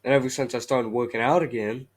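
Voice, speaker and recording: A young man vlogging about self-improvement, talking in a deliberately monotone way with halting restarts. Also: mid-range voice, slightly rough. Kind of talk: casual self-improvement vlog.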